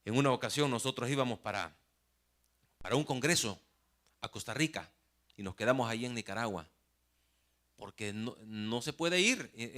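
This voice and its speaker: A man from El Salvador, a pastor telling stories in a Sunday sermon and often addressing the congregation as "brother". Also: medium pitch. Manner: animated storyteller, often says "mi hermano". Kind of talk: sermon with storytelling. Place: church.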